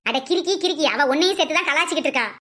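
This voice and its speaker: A woman playing shrill squabbling village women. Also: pushed and bright. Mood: quarrelsome. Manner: shrill, teasing, quick-tongued banter. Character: squabbling village women, feuding mother-in-law and daughter-in-law. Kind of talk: scripted comedy skit.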